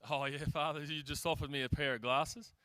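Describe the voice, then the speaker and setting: A man's voice: on the high side, fairly even intonation, brisk, sharp tone, clean tone. An Australian man hosting a school sports awards night in a hall, chatting with guests in a chummy way. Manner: chummy, keeps saying "mate". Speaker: master of ceremonies.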